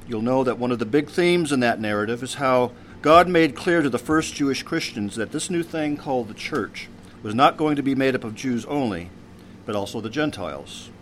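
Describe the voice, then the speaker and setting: A priest giving a measured sermon, his voice dropping at the end of phrases. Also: mid-range voice, a bit bright, a little hiss or hum. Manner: measured preaching with pauses, voice drops at phrase ends.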